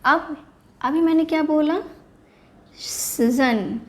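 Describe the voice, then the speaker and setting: High-voiced woman teaching spelling. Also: extremely slow. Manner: explains step by step, poses questions then answers them; mixes English words into Hindi teaching. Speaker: English teacher. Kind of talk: spelling and pronunciation lesson.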